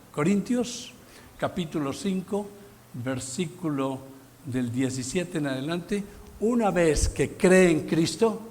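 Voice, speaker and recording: A man preaching a Sunday sermon as pastor, emphatic, with sudden loud bursts and exclamations. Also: fairly high pitch, a little hiss or hum. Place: church sanctuary.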